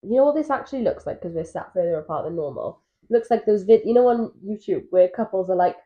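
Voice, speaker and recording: A young woman in her twenties co-hosting a couples podcast, chatting casually and telling stories with animated asides. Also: on the low side, quick pace. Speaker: podcast co-host. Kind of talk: casual chat. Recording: dull lo-fi mic sound.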